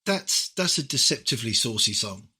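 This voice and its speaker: A man's voice: medium pitch, big pitch swings, normal speed, pushed and bright, slightly rough. A man hosting a podcast interview, hesitant and repeating words as he asks questions. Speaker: podcast host. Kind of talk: casual interview chat.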